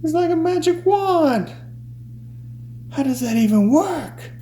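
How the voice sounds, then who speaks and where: A science teacher with a high-pitched, slow voice runs a playful hands-on demonstration for children, exclaiming with delight when the experiment works. The room is echoey, with a steady hum throughout.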